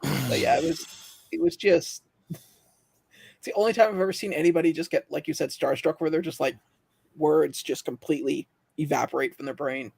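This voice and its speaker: A man on a livestream chats casually about collecting, spinning anecdotes and slipping into the voices of the people in them. His voice sits fairly high with a gravelly edge. The sound is dry and close. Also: moderate pace, long pauses, darkish tone, no echo. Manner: storytelling, acts out quoted voices. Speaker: livestream co-host. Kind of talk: casual chat.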